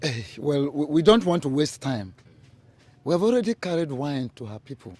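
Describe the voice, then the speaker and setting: A man's voice: a little high, sing-song, moderate pace, a little mellow. An actor playing a proud middle-aged village chief in a film drama, a man with an emphatic Nigerian-accented delivery. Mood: jovial, pleased. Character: proud, jovial village chief, father of a grown son.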